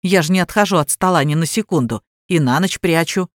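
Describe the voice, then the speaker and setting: Brief: woman reading as a smug, domineering gamer man, voice dropped low, dry booth sound. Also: brisk, dry recording, close to an everyday voice. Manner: smug, then shrieking in fury. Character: self-styled god, obsessive male gamer.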